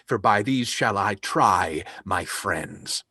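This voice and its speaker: A proud, lavish nobleman voiced by a man in a live online play reading, his husky voice rising and falling widely as he lingers over each line. The sound is dry and close, as from a home microphone on a video call. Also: on the low side, dry recording, full character voice. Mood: confident. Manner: slow, lively, emphatic verse speaking. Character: lavish generous nobleman facing ruin.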